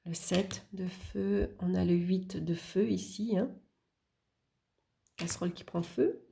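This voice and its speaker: Slow, gravelly-voiced woman leafing through cards. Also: fairly low pitch, steady tone, a little hiss or hum. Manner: unhurried, murmuring card names while flipping, with small hesitations; warm, admiring remarks about the artwork. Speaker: channel host presenting a tarot deck. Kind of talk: casual deck walkthrough.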